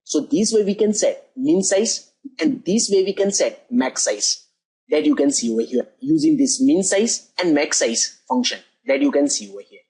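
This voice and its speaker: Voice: mid-range voice, expressive, moderate pace, darkish tone, breathy edge, rough recording. A coding tutor talking through a screen-recorded programming lesson step by step, often repeating "as you can see over here".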